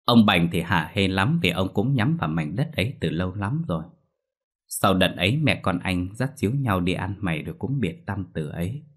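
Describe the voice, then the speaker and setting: A man narrating a ghost story in a steady, dramatic reading. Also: low voice, moderate pace.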